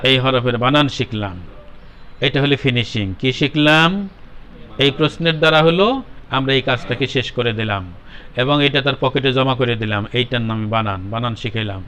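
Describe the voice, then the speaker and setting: A man's voice: medium pitch, fairly quick, a bit bright. A man with a Bangladeshi Bengali accent, a Quran recitation teacher patiently drilling a class of children on letter sounds and calling on pupils by name. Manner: patient, repetitive, calls on pupils by name and corrects them.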